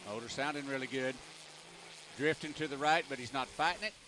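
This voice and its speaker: A man's voice: medium pitch, brisk. A man calling a tractor pull as an announcer, with folksy, colloquial commentary. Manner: folksy, colloquial turns of phrase. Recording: noisy outdoor track with engine noise. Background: outdoor ambience and vehicle engines.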